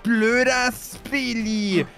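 A man's voice: very high-pitched, fairly even intonation, very slow, vocal fry, a bit bright, faint music behind, exaggerated voice. A man voicing a huge, angry male ape monster in a game role-play, growling threats and whining when hurt. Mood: menacing.

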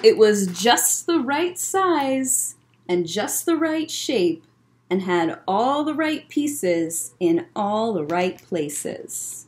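A young American children's librarian hosts story time, reading a picture book to children with expressive, deliberate phrasing and short asides. Her voice is mid-range. She's in an indoor library room lined with bookshelves, picked up by a webcam at desk distance.

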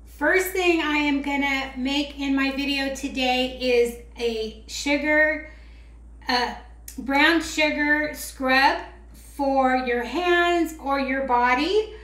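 High-voiced chatty woman crafting at home. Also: slow, a bit bright. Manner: chatty, rambling, self-teasing. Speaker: craft vlogger. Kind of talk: casual how-to chat. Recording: roomy echo with faint clicks.

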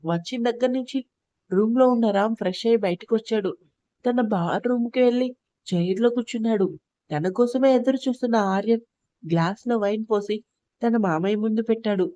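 A woman's voice: fairly high pitch, fairly quick, mellow, no room sound, dull audio. A woman narrating a romance story, reading the characters' lines in her own voice with little change.

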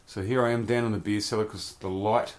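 A man's voice: lowish voice, steady tone, a little fast. A man casually reviewing a collectible toy in a rambling, chatty vlog from his home beer cellar. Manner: chatty, rambling, loose slang.

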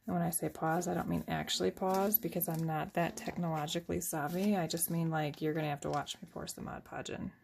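Rambly lady in her 30s showing a glitter craft at home, kinda low voice, pokes fun at herself. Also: fairly even intonation, a little fast, creaky, few pauses, a little mellow, slight background noise. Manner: chatty, rambling and self-deprecating. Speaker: crafting tutorial host. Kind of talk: casual step-by-step craft demonstration.

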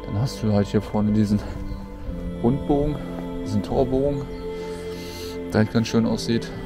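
A man's voice: on the low side, moderate pace, music in the background. A man giving an informal, colloquial walk-through commentary as a vlogger out and about. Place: mostly outdoors, walking through an abandoned housing estate.

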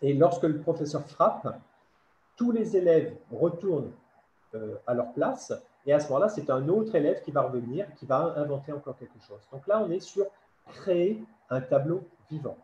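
A man with a fairly high but mellow voice explains classroom exercises to fellow teachers in a patient, step-by-step manner, often pausing to check that he is understood. The sound is roomy and a little dull, with faint noise underneath. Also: expressive. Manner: explanatory, many "d'accord?" checks. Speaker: French teacher trainer. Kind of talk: online workshop lecture. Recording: echoey dull webinar audio.

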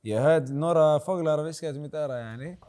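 A young man arguing in loud, slangy banter as a contestant in a reality game, often laughing. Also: fairly high pitch. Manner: slangy, laughing, pleading for quiet. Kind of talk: casual group banter.

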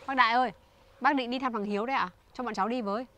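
An actress playing a brash, loud young village woman who talks in a dramatic, wailing way. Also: a little high, steady tone, very fast. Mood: pleading.

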